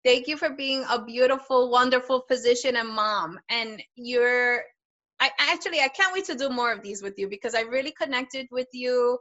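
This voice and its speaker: A woman podcast host with a bright, somewhat high voice, talking casually. She is warmly effusive and heaps praise on her guest. She speaks as a pediatrician would with a fellow physician. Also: normal speed, lo-fi sound.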